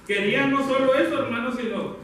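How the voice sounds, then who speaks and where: A man preaching a sermon, talking warmly to the congregation as brothers and sisters, pausing and correcting himself as he goes. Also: very high-pitched, a little hiss or hum. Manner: addresses listeners as brothers, halting with self-corrections. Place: church hall. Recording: very echoey hall, from far off.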